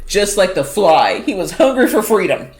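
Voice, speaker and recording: A woman's voice: medium pitch, very animated, moderate pace, a crowd in the background. A woman joking crudely in casual podcast banter.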